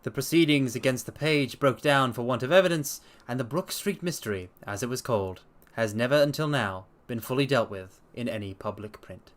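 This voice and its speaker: A man reads a story dramatically as a streamer, using scripted narration with theatrical asides and a grandiose, theatrical manner toward his listeners. He talks briskly in a mid-range voice, barely pausing.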